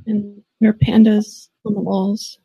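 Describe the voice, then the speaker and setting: A man faking a croaky, breathy woman caller. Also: high voice, little pitch movement, mellow, no room sound, pitched above the performer's own voice, full character voice, poor audio. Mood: deadpan. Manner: slow, spelling letters, mumbling answers. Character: raspy gravelly woman prank caller. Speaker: prank caller.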